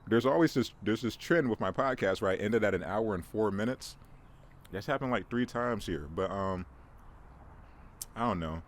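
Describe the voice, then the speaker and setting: A man hosting a casual podcast outdoors in the cold, rambling in an animated way with many stumbling restarts. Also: on the low side, moderate pace. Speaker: podcast host.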